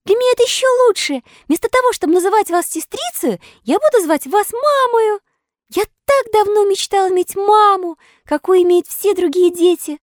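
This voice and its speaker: A woman voicing a mischievous, eager wooden puppet boy in a squeaky, exclamatory child voice. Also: animated, moderate pace, no room sound, clean studio sound. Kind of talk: audiobook character voice.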